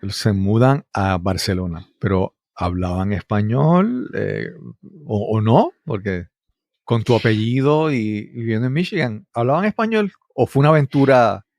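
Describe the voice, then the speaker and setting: A man hosting a podcast interview, opening with measured, deliberate introductions before asking questions. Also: on the low side, expressive, darkish tone, dry recording, clean studio sound. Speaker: podcast host.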